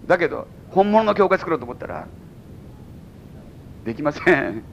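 A man with a Mikawa Japanese accent preaching a sermon as pastor to a congregation, with sudden high exclamations and chuckles. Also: big pitch swings, normal speed, creaky, dull audio, a little hiss or hum. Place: church service before a congregation.

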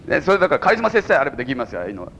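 A man with a Mikawa Japanese accent preaching a sermon as pastor to a congregation, with sudden high exclamations and chuckles. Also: fairly bright tone, lo-fi sound, a little hiss or hum. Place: church service before a congregation.

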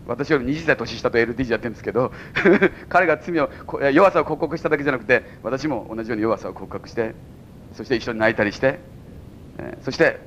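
A man with a Mikawa Japanese accent preaching a sermon as pastor to a congregation, with sudden high exclamations and chuckles. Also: fairly bright tone, lo-fi sound, slight background noise. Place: church service before a congregation.

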